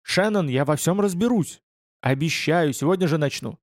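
A man's voice: on the high side, lively intonation, normal speed, no echo, clean studio sound, voice pushed up, natural voice. A man voicing a flustered, bewildered male literary agent who pleads with his old friend, in an audiobook reading.

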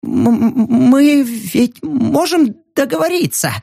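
In an audiobook, a man plays a fat, cowardly journalist who squeals and stammers. His voice sits far above the reader's own, thin and pinched, and swings wildly in pitch. The recording is close and dry. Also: very animated, slow pace, no echo, exaggerated voice. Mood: terrified. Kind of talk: audiobook narration.

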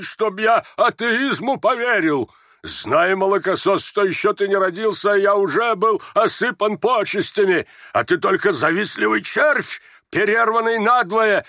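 A man reading aloud, voicing an old retired general who shouts, blusters and stammers. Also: medium pitch, dry recording, clean studio sound. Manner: shouting, bellowing, stammering in confusion.

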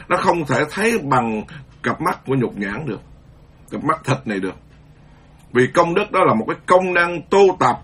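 A Buddhist monk giving an informal dharma talk, rambling and conversational, stumbling over repeated words. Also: male voice, a little high, fairly bright tone, breathy edge.

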